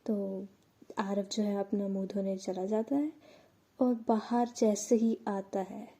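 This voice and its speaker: A woman narrating a romance story in a chatty, expressive way, now and then correcting herself. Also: medium pitch, slow.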